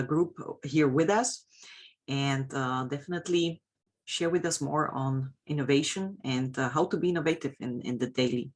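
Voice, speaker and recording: A woman hosts an online webinar, introducing the guest speaker over a video call. She speaks hesitantly, leaning on fillers and restarting her phrases as she goes. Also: very deep voice. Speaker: webinar host.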